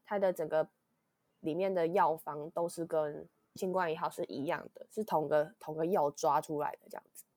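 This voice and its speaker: This is a casual storytelling chat from a young woman who hosts a podcast and has a Taiwanese Mandarin accent. Her low, slightly mellow voice keeps fairly even intonation at a normal speed, weakened by illness, as she rambles with many restarts and acted-out quotes. There's no echo.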